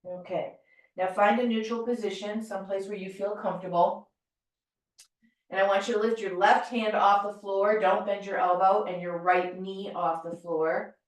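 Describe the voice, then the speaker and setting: A middle-aged American woman leading a yoga class, calmly and gently cueing breath and movement. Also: medium pitch, moderate pace. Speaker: yoga teacher. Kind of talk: guided yoga class instruction. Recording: very echoey room, voice from far off.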